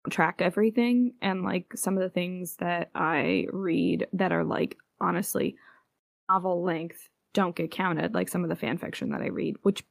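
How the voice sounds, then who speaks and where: A woman with a gravelly voice full of fry co-hosts a casual podcast. She talks wryly, with playful exaggeration, and the sound is dry and close. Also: lowish voice, unhurried, no echo. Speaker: podcast co-host. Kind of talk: casual chat.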